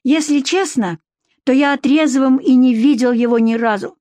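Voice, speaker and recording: A woman's voice: high voice, moderate pace, dark tone, no room sound, studio quality, voice pushed up, natural voice. A woman voicing a sarcastic, mocking young man in an audiobook.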